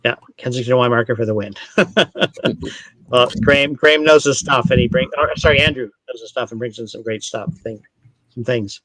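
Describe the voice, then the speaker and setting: A man's voice: medium pitch, moderate pace, fairly bright tone. A man from Canada, a brand ambassador explaining spirits in a casual online tasting chat, rambling and correcting himself as he goes.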